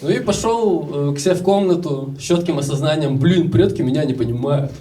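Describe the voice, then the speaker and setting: A man's voice: a little high, brisk, distant mic, heavy background noise. A young Russian man in his twenties telling stories casually in a stand-up comedy set, acting out the voices of other people. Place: live comedy show with audience.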